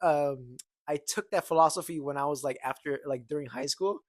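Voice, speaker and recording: A young man chatting on a podcast in a rambling way, with a slightly high voice. The sound is dry and close, with no room around it. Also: brisk, dry recording. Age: young adult. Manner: rambling, full of fillers and restarts. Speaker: podcast co-host. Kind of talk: casual chat.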